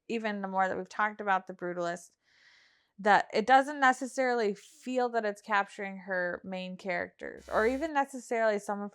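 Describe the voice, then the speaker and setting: A woman's voice: medium pitch, pushed and bright, clean tone. A woman co-hosting a podcast, explaining a book plot in a thoughtful, casual way. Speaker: podcast co-host. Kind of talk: casual film discussion.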